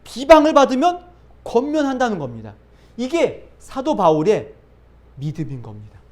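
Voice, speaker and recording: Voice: mid-range voice, huge pitch swings, moderate pace, a little mellow. A pastor preaching a sermon, asking rhetorical questions and answering them, building emphasis by repeating phrases. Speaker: pastor who planted a church.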